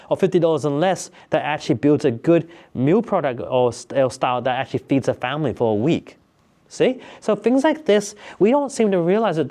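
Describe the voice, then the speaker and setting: A man talking casually to camera, coaching viewers on business ideas in an energetic, repetitive way. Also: on the high side. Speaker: business tips vlogger. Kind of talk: casual motivational talk to camera.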